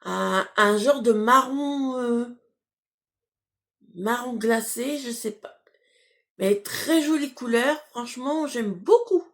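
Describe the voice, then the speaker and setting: A woman's voice: fairly high pitch, takes it slowly, long pauses. A woman casually chatting to her viewers while unboxing beauty products, hesitant, with many fillers and restarts, laughing at herself. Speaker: beauty box unboxing vlogger.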